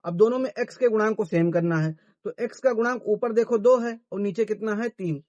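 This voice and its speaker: High-voiced math teacher. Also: male voice, brisk, darkish tone, dry recording, muffled recording. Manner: asks questions and answers them himself. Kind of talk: classroom-style math lesson.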